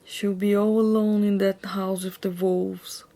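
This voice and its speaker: A woman's voice: medium pitch, flat delivery, measured pace, warm tone, lightly acted. Woman playing a stubborn little girl, theatrical delivery. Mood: worried. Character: stubborn, earnest young girl in a storybook.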